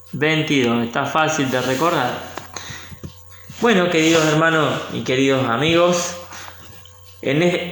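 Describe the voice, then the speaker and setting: Slow-talking priest, echoey room. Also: male voice, mid-range voice, a bit bright, slight background noise. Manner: unhurried, pauses to look up verses. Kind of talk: informal teaching talk.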